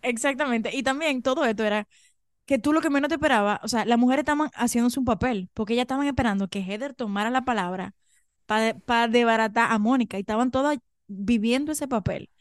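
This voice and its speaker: A woman's voice: on the high side, quick pace, no echo, studio quality. A woman, co-hosting a gossip podcast and recapping with emphatic enthusiasm. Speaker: podcast co-host. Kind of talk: casual gossip chat.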